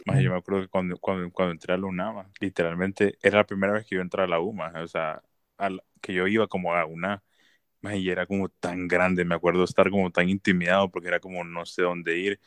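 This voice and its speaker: A man's voice: deep voice, level tone, fast talker, fairly bright tone, clean tone, no room sound. A young man, rambling through a story in casual podcast chat. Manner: rambling, repeats fillers often. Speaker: podcast co-host.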